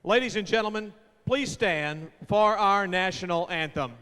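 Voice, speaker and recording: A man's voice: sits high, unhurried, bright, forceful tone. A man working as a tractor pull announcer, stretching out names as he addresses the crowd. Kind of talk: event announcing over public address. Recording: echoey arena PA with faint noise.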